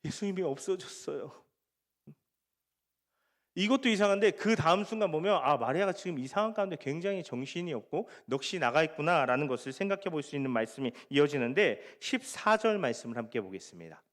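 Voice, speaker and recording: A man's voice: a little high, animated, fast talker, hardly any pauses, a bit bright. A male pastor preaching a sermon to a young congregation, asking them questions and acting out the scripture scenes. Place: church sanctuary. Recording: long hall reverb.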